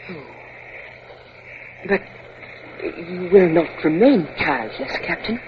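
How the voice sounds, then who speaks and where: An actress playing a genteel, spirited and inquisitive aristocratic lady in an old-time radio drama, polite and expressive. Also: lowish voice, takes it slowly. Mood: sympathetic, wistful. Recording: muffled, noisy 1950s radio recording.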